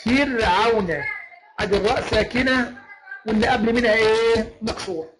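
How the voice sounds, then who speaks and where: A man with an Egyptian accent giving an online lecture on Quran recitation rules. He chants verse lines slowly and keeps asking his students whether everything is clear. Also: high voice, steady tone, fairly bright tone. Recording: noisy online lecture recording.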